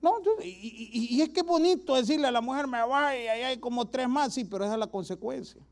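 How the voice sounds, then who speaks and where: A man's voice: very high voice, fast. A man preaching a sermon, speaking directly to his listeners, exhorting them with repeated rhetorical questions.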